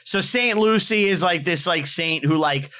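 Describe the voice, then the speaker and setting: A man's voice: high-pitched, moderate pace, sharp tone. A man co-hosting a casual podcast, joking and laughing often.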